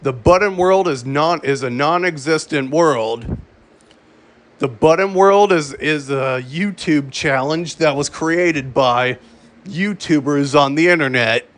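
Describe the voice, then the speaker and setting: A man with a somewhat bright voice on the high side reads a scripted mock emergency broadcast as an official announcer. He pauses and repeats phrases as he reads.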